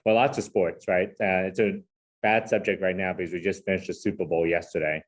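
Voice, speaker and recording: A man who grew up in Hong Kong and San Francisco, speaking as an interview guest in a relaxed, self-deprecating way and often tagging his points with "right?". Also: low voice, brisk. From Hong Kong, raised in San Francisco. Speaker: guest, corporate chief legal officer. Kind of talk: casual interview conversation.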